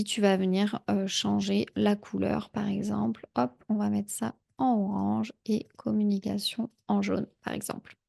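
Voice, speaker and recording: A woman talking a viewer through a software tutorial in a casual, chatty way, with frequent fillers. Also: medium pitch, vocal fry. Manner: chatty, many "heu" fillers, speaks directly to viewer. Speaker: productivity tutorial creator. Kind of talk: casual screen-share tutorial.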